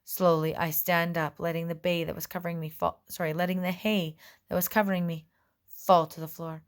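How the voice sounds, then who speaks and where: Gentle woman reading a storybook. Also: fairly low pitch, flat delivery, brisk. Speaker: audiobook reader. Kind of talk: first-person storybook narration.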